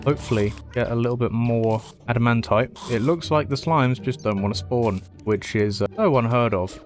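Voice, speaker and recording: Casual gamer man, self-mocking running commentary, wry sarcastic asides, faint music underneath. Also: medium pitch. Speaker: gaming YouTuber.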